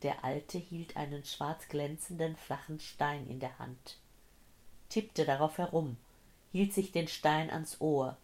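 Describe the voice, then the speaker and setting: A woman reading a tense thriller as an audiobook narrator, measured and steady. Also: low voice. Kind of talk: scripted narration.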